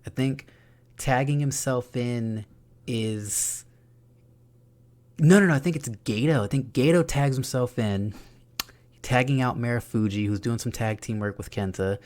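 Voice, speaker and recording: A young man giving an excited, profane, laughing recap of a wrestling show. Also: mid-range voice, unhurried, pauses often. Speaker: wrestling reviewer.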